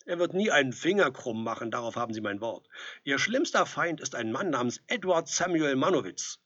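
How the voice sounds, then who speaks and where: A man voicing a jovial, breezy male demon from hell, brash and loud. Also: mid-range voice, lively intonation, a little fast, no room sound. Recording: dull lo-fi recording.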